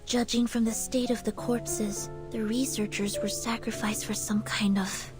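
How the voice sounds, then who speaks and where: A woman voicing a calm, analytical game heroine. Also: fairly high pitch, music in the background, natural voice. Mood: composed. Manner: measured, logical, matter-of-fact. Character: calm, analytical young female companion. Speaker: game character. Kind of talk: game voice acting.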